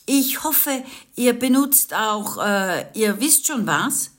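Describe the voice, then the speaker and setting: A woman's voice: on the high side, animated, takes it slowly, pitched above the performer's own voice. A woman voicing a cheeky, teasing old grandmother in a read-aloud storybook. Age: older.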